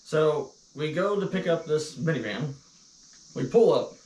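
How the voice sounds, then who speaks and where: A man's voice: on the high side, animated, measured pace, darkish tone. An American man chatting casually and telling stories with comic, exasperated grumbling. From Missouri, United States. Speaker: co-host of a couple's live chat. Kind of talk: casual chat storytelling. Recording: roomy, distant mic, faint noise.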